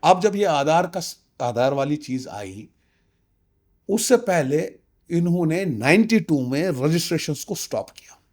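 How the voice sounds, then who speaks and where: Animated and a little slow, his fairly high voice slightly mellow, this interviewee from Kashmir, India, about sixty, speaks for his community. He insists on his points, asks rhetorical questions and drops English phrases into his testimony.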